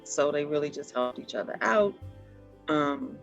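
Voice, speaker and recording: A woman's voice: low voice, lively intonation, measured pace, vocal fry, muffled recording, faint music behind. A middle-aged woman from Baltimore, chatting and reminiscing as an interview guest on a video call, with frequent ums and laughs. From Baltimore, USA. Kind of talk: conversational storytelling over a video call.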